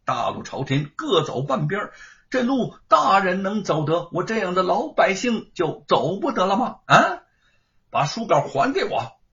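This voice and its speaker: A man's voice: high-pitched, sing-song, normal speed, pushed and bright, exaggerated voice. A man voicing a poor scholar who talks back in angry defiance. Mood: defiant. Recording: dull lo-fi recording.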